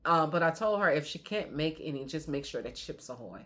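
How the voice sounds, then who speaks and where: Older grandma vlogging, low voice, chatty and rambling, does little voices when she quotes folks. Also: a little fast. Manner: chatty, rambling, animated when quoting others. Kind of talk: casual chat.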